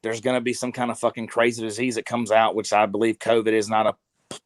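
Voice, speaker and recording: A man's voice: lowish voice, monotone, quick pace, no echo. A man in his twenties on a podcast, rambling in casual chat, full of fillers and cursing. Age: 20s. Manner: rambling, heavy with fillers and swearing.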